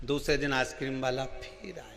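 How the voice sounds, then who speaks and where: A man with a central Indian Hindi accent preaching a sermon, telling a story with acted dialogue and swinging between soft and loud. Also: mid-range voice, fairly even intonation, moderate pace, in a large hall.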